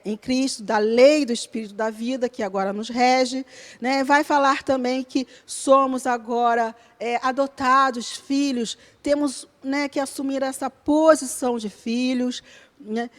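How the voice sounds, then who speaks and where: A woman teaching a church Bible study lesson. She explains scripture earnestly, step by step, often checking in with tag questions. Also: high-pitched.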